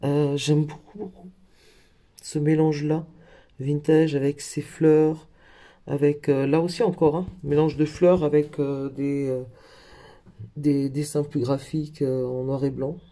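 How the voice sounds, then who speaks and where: A man's voice: on the high side, level tone, unhurried, dark tone. A man in a casual craft haul video, talking in a hesitant way with lots of fillers and self-corrections. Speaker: craft vlogger.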